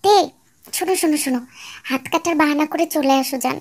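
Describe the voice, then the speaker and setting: একজন নারী কণ্ঠ দিচ্ছেন এক আদুরে তরুণ স্বামীর চরিত্রে, যে বউকে নরম সুরে ভুলিয়ে-ভালিয়ে কথা বলে। গলাটা খুব উঁচু আর মোলায়েম।. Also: female voice, high voice, quick pace. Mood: coaxing. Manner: soft, coaxing, sweet-talking. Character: doting young husband, younger son. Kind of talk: fan-dub radio drama.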